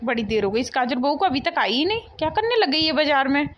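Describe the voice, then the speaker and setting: A woman's voice: high voice, big pitch swings, fast talker, dull audio. Nagging old mother-in-law. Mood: scolding. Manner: scolding, complaining. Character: nagging elderly mother-in-law, easily offended.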